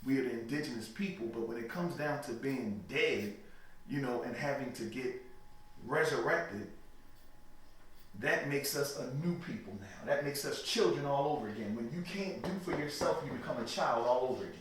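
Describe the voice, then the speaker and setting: Speaking at an ordinary pace in an animated, medium-pitched voice, this male interview guest delivers emphatic religious talk. His answers come across as preachy, and he keeps asking "you know what I mean." The room echoes, the microphone sits at a distance, and light noise is audible.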